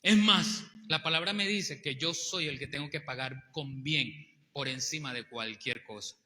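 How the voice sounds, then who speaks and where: A male pastor, preaching a sermon with animated rhetorical questions to the congregation. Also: on the high side, moderate pace, slight background noise. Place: church hall. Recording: long hall reverb.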